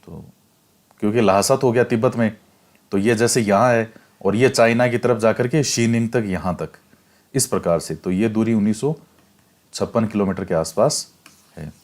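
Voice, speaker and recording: A man's voice: on the low side, normal speed, long pauses, a little mellow. Man explaining a textbook lesson. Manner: explains step by step, repeats key facts for exam prep. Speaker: teacher. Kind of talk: classroom lecture reading and explaining a textbook.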